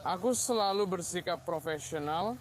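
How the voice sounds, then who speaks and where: Matter-of-fact policeman amid clear noise. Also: sits high, moderate pace. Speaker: police officer. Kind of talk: terse exchange with a detained person. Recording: noisy ambience at a police stop.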